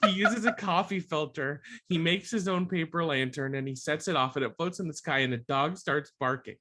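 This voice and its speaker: A man's voice: fairly high pitch, moderate pace, bright, forceful tone. A man co-hosting a casual podcast, retelling favorite jokes from a film with laughter. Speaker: podcast co-host.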